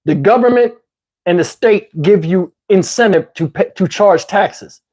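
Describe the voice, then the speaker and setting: On his casual YouTube livestream, a man with a Southern US accent speaks in a high, husky, darkish voice, a bit slowly. He rambles to viewers conversationally, asking "you know what I'm saying," as fatigue sets into his voice and his throat turns dry.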